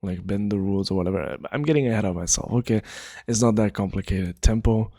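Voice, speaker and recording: A man with a lowish voice talks through a game strategy idea in a loose, easygoing way, drifting into asides and leaning on lots of fillers. The sound is dry and close, with no room around him. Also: fast, mellow, no echo. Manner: laid-back, rambling, many fillers. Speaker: gaming video creator. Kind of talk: casual explainer monologue.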